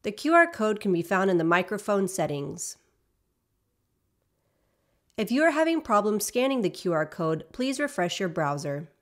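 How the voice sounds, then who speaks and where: A woman reading scripted instructional narration for an app demo in a measured, clearly instructional way. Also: medium pitch, very animated. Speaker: software tutorial narrator.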